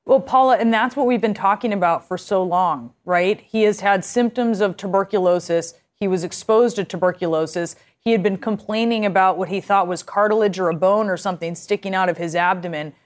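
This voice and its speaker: A woman news anchor with a mid-range voice questions her guests gently but persistently. Her delivery is clean and conversational. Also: mid-range voice, brisk, hardly any pauses. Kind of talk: live news interview.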